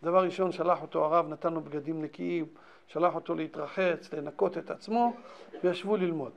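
A man, a rabbi, giving a Torah lesson and telling a story in an animated way, repeating phrases for emphasis. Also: fairly high pitch, gravelly. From Israel.

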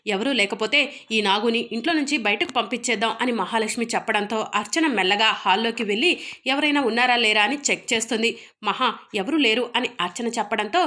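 A woman narrating a recap of a TV serial episode, telling it quickly and briefly voicing the characters' lines. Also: fairly high pitch. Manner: quick, lively retelling that slips into the characters' lines. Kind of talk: storytelling recap with voiced dialogue.

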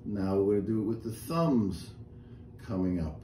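Leading a guided chair exercise class, a middle-aged male fitness instructor talks in a fairly low voice at a moderate pace, offering steady step-by-step directions and breathing counts. A camera a few feet away records him in a small indoor room with a painted wall, picking up echo and faint ambient noise.

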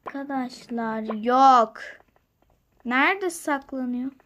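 Young female gaming host, high, bright voice, chatty and playful, swings between quiet whispers and loud excitement, faint hiss behind her. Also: slow pace. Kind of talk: chatty gameplay commentary.

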